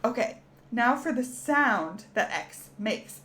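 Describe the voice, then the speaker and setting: A woman's voice: on the high side, animated, slow pace, fairly bright tone. A woman teaching a children's alphabet lesson, cheerful and encouraging as she speaks to young kids.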